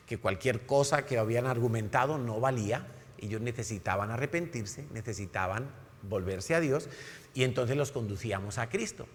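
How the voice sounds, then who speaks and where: A man's voice: medium pitch, fairly bright tone. A man preaching a sermon as pastor, emphatic, acting out voices when he tells stories. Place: church hall. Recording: long hall reverb.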